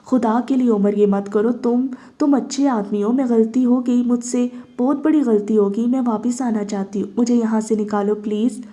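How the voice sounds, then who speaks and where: A woman's voice: fairly high pitch, steady tone, few pauses, dark tone, close to an everyday voice. A woman voicing a desperate young woman prisoner who begs tearfully to be killed, in a Urdu novel reading. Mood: pleading. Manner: pleading, tearful.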